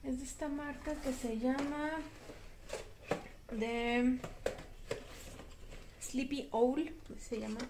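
A woman's voice: high-pitched, steady tone, very slow, long pauses, background noise. A young Mexican woman with a Mexican accent, vlogging in a chatty, casual way and repeating phrases for emphasis. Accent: Mexican Spanish. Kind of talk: casual vlog chat.

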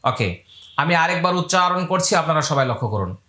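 A man teaching Quran recitation step by step in speech, counting beats aloud and chanting the letters in long drawn-out tones. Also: a little high, expressive, bright, forceful tone, echoey room.

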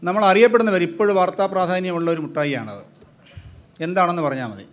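Brisk, prodding male quizmaster. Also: high voice. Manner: brisk, prodding teams, questioning answers. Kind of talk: live quiz hosting.

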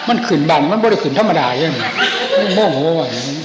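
An older man, a senior monk with an Isan northeastern Thai accent, telling stories from memory in an informal, animated old-man way and acting out the dialogue. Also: fairly high pitch, fast. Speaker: senior Buddhist monk reminiscing. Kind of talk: informal storytelling, reminiscing. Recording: echoey hall with clear background noise.

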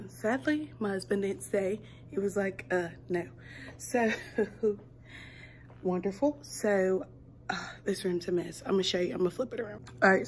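A young woman vlogs into her phone in an easy, rambling chat, full of ums and self-corrections. Her voice sits in a middle pitch, and a faint hum of noise runs underneath. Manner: rambling, chatty, with many ums and restarts. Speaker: kindergarten teacher and vlogger. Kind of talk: casual vlog chat.

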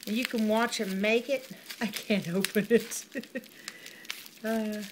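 A middle-aged woman, chatting warmly through an unboxing, gushing over each item and calling viewers y'all. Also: medium pitch, fairly even intonation, slow pace. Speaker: vlogger unboxing a mail order. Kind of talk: casual unboxing chat. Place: home. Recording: noisy home recording with crinkling packaging.

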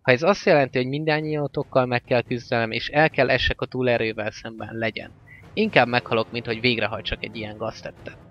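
A man's voice: mid-range voice, flat delivery, a bit bright, lightly acted. A man reading as a resolute young orc. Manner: firm, measured delivery. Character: proud young male orc, resolute and merciful. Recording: slightly dull lo-fi with faint music.

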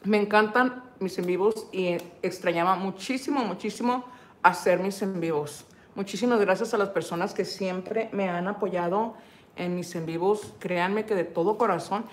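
A woman's voice: mid-range voice, moderate pace. A middle-aged woman, hosting her cooking channel's livestream in a casual, chatty way, laughing often and slipping into English phrases.

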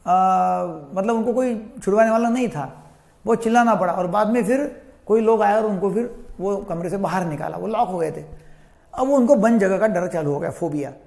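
Indian psychiatrist guy in his 50s, kinda high gravelly voice, calm explainer talk. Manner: plain, instructive, repeats phrases for emphasis. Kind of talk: explanatory health talk to camera.

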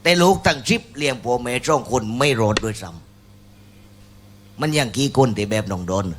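A man's voice: mid-range voice, animated, moderate pace, noisy background. A man, a shadow-puppet master, giving folksy moral commentary on stage at an outdoor festival. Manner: preaching, folksy. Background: live band music.

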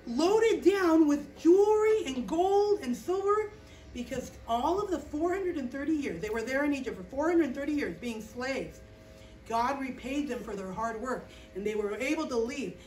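A middle-aged woman teaching children in a small indoor classroom, telling a Bible story with lively acting and frequent "okay?" check-ins. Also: high voice. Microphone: far camera, no visible mic. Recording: roomy echo, distant camera.

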